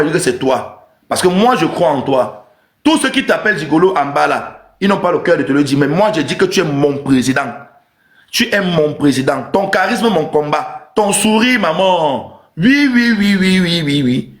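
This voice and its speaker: A man hosting a live stream with an emphatic, teasing comic rant, repeating his points. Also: on the high side. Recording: roomy echo.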